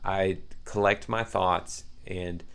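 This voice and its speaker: Earnest low-voiced man giving advice. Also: fairly even intonation, slow, vocal fry, fairly bright tone, smooth. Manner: earnest and reflective, builds points with examples. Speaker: podcast guest. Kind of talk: casual conversational advice.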